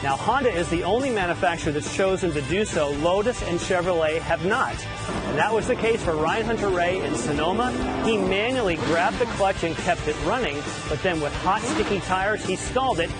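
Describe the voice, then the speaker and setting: A man's voice: sits high, lively intonation, moderate pace, loud music behind the voice. A man explaining race car technology step by step as a broadcast analyst. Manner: methodical, explanatory.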